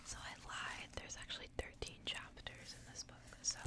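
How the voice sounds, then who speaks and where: An ASMR host and book reader whispers close to the mic in a hushed, soothing style, as though chatting and reading someone to sleep. She mixes casual chat with bedtime story reading, softly and slowly repeating phrases, against faint background noise.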